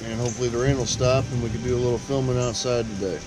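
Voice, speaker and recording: A man's voice: medium pitch, steady tone, racing. A middle-aged man, talking casually into a handheld camera in a camper. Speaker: vlogger. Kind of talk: casual vlog narration. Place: camper and campsite in a storm. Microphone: handheld action camera. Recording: music playing underneath.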